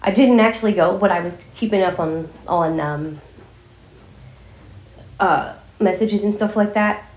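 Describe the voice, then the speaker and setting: A woman's voice: medium pitch, measured pace, darkish tone. A woman talking casually in a rambling, informal vlog style while fighting a cold and a scratchy sore throat. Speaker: vlogger addressing viewers. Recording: echoey room.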